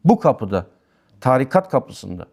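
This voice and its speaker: A man's voice: measured pace, gravelly, breathy edge. A man, a Sufi sheikh, giving a weekly religious talk that mixes personal stories with explanations of passages he reads aloud. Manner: lively storytelling, pitch rising and falling sharply. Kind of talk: religious talk with personal anecdotes and text commentary.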